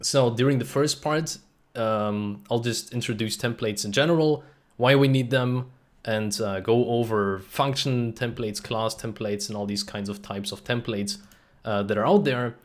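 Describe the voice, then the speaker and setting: A man's voice: mid-range voice, unhurried. A man from Germany hosting a live-streamed technical presentation, explaining in a casual way with frequent "uh" fillers and remarks to the chat. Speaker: host and presenter.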